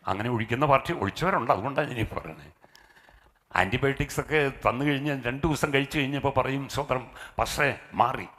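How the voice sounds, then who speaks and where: A man's voice: on the low side, fairly bright tone. A middle-aged man preaching a sermon as pastor. He punctuates his talk with frequent hallelujahs and rises into emphatic calls.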